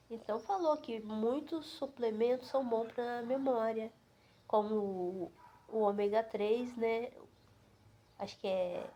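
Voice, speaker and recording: A woman's voice: fairly high pitch, warm tone. A woman in her fifties chatting to camera from home, with lots of fillers and asides to her viewers. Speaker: vlogger. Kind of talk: casual chat to camera.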